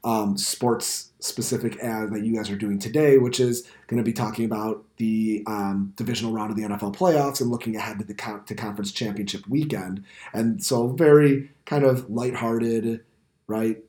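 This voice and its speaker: A man's voice: fairly low pitch, steady tone, normal speed, dark tone. A middle-aged American man casually hosting and interviewing on a podcast. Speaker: podcast host and teacher. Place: indoor school podcast studio. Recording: roomy, reverberant room sound.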